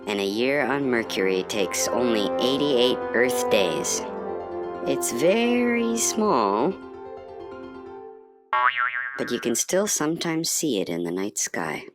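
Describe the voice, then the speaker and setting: In an animated educational cartoon, a woman voices a quirky little astronaut guide who narrates a tour of the planets like a student on vacation. Her full character voice is remarkably deep, slow and very animated with frequent pauses, bursting into sudden high, squeaky exclamations in a cheerful mood. Music plays clearly underneath.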